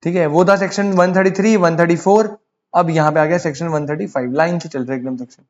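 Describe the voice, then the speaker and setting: A man with an Indian accent gives a casual commerce law lecture in a mix of Hindi and English, calling students "beta" and asking them rhetorical questions. His voice is on the high side, steady, and fast, and the recording has its highs cut off.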